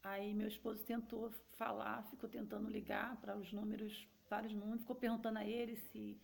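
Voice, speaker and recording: A woman's voice: medium pitch, little pitch movement, a little fast, gravelly. A woman with a Brazilian Portuguese accent telling a personal story in a casual, conversational way, speaking directly to her listeners.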